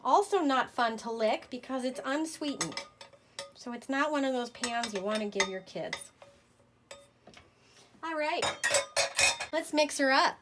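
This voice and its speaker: Woman, fairly high voice, folksy home cooking host, chatty, self-deprecating, casual delivery, faint kitchen noise. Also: measured pace, long pauses. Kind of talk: casual cooking demonstration to camera. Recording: noisy home kitchen recording.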